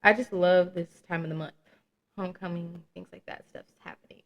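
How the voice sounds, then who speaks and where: There's a faint hiss or hum behind this young woman's fairly low, brisk, fairly even-toned voice. Around twenty, she hosts a casual solo podcast, speaking candidly with slang and swearing and laughing at her own jokes.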